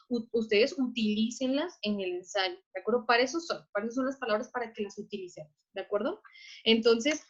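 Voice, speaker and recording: A Mexican woman teaching a writing class, patiently explaining and often checking in with her students. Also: on the high side. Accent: Mexican Spanish. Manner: patient, repeats "¿de acuerdo?" to check understanding. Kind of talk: online class lecture. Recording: dull lo-fi online class audio.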